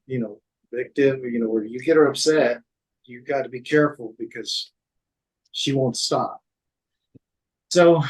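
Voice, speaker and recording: The recording is rough, and the man's voice sits at a medium pitch. A former city code manager, he tells interview stories from his old job haltingly, with frequent restarts, fillers, and quoted conversations.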